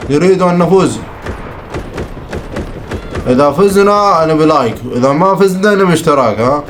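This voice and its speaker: A young man giving excitable, teasing live commentary while playing a shooter game. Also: a little high, a little fast, a little hiss or hum. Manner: excitable, teasing, mutters complaints. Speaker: gaming streamer. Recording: game audio with gunfire behind.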